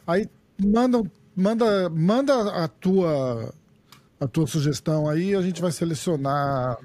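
A man with a Brazilian accent hosting a podcast in casual, slangy chat, with a raspy voice. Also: fairly high pitch, slow pace, darkish tone. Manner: slangy, swearing, informal. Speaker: podcast host.

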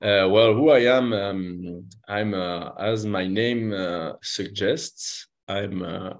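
A man's voice: on the low side, takes it slowly. A man from the French Basque Country with a French Basque accent, answering casually as a podcast guest and hesitantly searching for his words.

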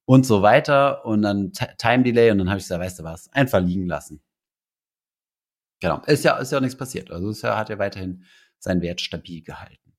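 Deep-voiced man rambling on a podcast. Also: quick pace. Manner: rambling, many fillers and restarts. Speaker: podcast co-host. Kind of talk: casual podcast chat.

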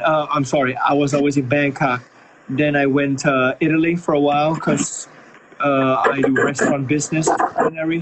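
A man's voice: on the high side, slight background noise, poor audio. A man from Thailand, a rapper guest, talking in a laid-back, slangy, rambling way over a video call while tired from being up at night. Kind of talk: casual interview chat.

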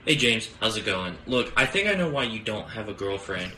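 A man's voice: fairly low pitch, very animated, a little fast, background noise. A man delivering a casual, playfully mocking roast in a recorded video message.

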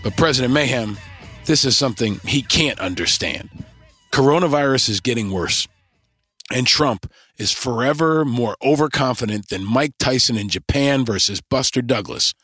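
A man's voice: medium pitch, expressive, normal speed, fairly bright tone, breathy edge, dry recording, soft background music. A man hosting a podcast, delivering a scripted monologue in punchy, rallying lists. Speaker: podcast host.

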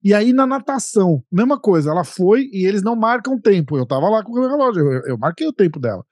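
Casting: fast-talking, animated man, casual and swearing, dry sound. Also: high voice, no echo. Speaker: guest, father. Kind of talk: casual podcast chat.

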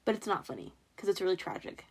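Quick-paced with big pitch swings, a young American woman's medium, slightly mellow voice carries her solo true crime podcast. She works from notes, tossing in informal self-deprecating asides, and struggles somewhat with her R sounds.

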